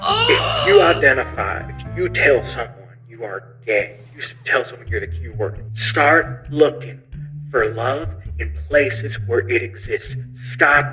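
An actor playing a shouting street preacher. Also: male voice, mid-range voice, wildly swooping pitch, unhurried, far from the mic, soft background music, exaggerated voice, poor audio. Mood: preachy. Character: preachy man shouting a sermon.

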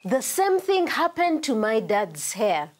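Actress as a curious, animated woman hiker. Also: a little high, slow. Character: curious friendly female hiker questioning a gorilla. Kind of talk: scripted children's educational sketch.

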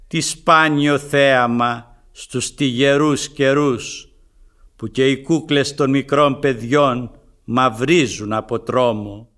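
Bright-voiced man reciting poetry. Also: medium pitch. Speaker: poetry reader.

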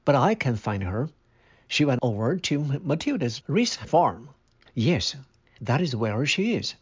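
A man voicing a stubborn, sharp-tongued old grieving farmer in a read-aloud storybook, in a raised, pleading tone, on a dull lo-fi recording. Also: mid-range voice, sing-song, a little slow, husky. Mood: insistent.

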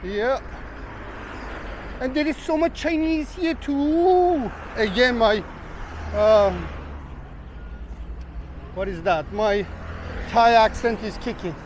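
A travel vlogger with a very high voice speaks slowly and pauses often as he walks a rainy street, traffic noise in the background. He rambles chattily to his viewers and calls them guys.

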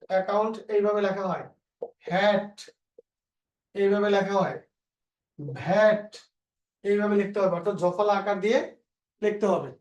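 A male teacher with a Bangladeshi Bengali accent, slowly dictating spelling rules and repeating example words. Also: high voice, a little mellow. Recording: echoey room, voice a bit far from the mic.

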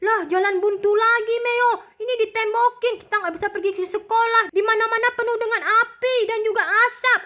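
A woman's voice: extremely high pitch, fairly even intonation, brisk, hardly any pauses, bright, forceful tone, voice pushed up. A woman voicing a small, scared little girl who whines and pleads, as role-play for a game video. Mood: complaining. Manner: whiny, pleading.

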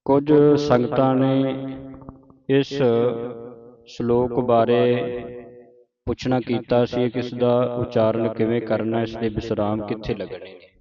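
A man with a Punjabi accent teaching scripture pronunciation, reciting verses slowly and explaining where each pause falls. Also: medium pitch, little pitch movement, highs cut off, a crowd in the background. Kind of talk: slow recitation lesson.

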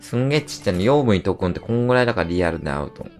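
A man chats casually on his livestream, spinning animated, rough-edged rants full of slang. His voice sits on the low side yet swings widely up and down as he gets worked up. Faint music plays behind him. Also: rapid-fire. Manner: animated ranting storyteller, rough slangy speech. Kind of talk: casual chat.

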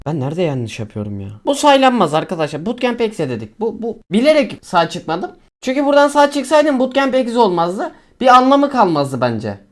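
A man's voice: moderate pace, few pauses, slight background noise. Young guy streaming a game, goofy, whiny, voice all over the place, faint gunshots behind. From Turkey. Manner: excitable, joking, complains loudly, then mutters low. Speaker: gaming streamer. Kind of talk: casual gameplay commentary.

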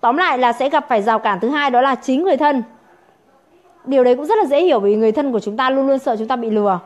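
A woman's voice: high voice, rapid-fire. A woman training sales consultants, emphatic and full of rhetorical questions. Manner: emphatic, rhetorical questions, acts out quoted objections.

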